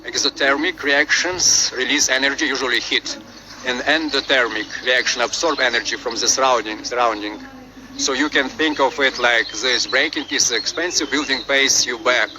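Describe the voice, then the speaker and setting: A man with a Slavic accent reading out a lesson as presenter, haltingly, often repeating and correcting his words. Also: medium pitch, background noise. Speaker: presenter of a chemistry refresher. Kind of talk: lesson read from on-screen script with asides.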